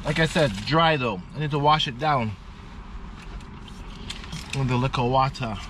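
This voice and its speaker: A man reviewing fast food in a casual, chatty way while chewing his food. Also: mid-range voice, background noise. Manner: relaxed, chatty, musing. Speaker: food vlogger.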